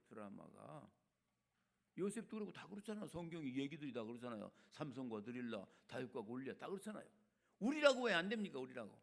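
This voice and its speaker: A retired senior pastor, an older man with a slightly high, gravelly voice, preaches in a relaxed, chatty manner. Loud, forceful lines give way to quiet asides.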